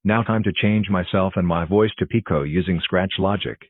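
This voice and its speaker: A man's voice: low voice, normal speed, no echo, phone-quality sound. A synthetic-sounding man voicing a scheming cartoon cat prankster who gloats like a theatrical villain. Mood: gloating, scheming. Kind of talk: scripted cartoon dialogue.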